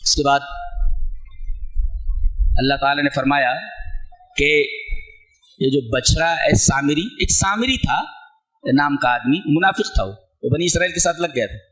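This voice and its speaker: A middle-aged male Islamic scholar giving a Quran commentary sermon, speaking emphatically, reciting Arabic verses and rising to loud exclamations. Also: a little high, pauses often, rough recording.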